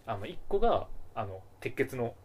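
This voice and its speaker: A man co-hosting a casual podcast chat, excitable and rambling. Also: medium pitch, moderate pace, crowd noise. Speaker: podcast co-host.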